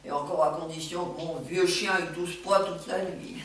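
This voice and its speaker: A woman's voice: fairly low pitch, fairly even intonation, a little hiss or hum, close to an everyday voice. An actress playing an exuberant older woman, a former actress, who talks in a chatty, theatrical way on a theatre stage. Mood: lively. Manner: chatty, theatrical, quick-witted. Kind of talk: stage comedy performance. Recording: roomy stage sound from far off.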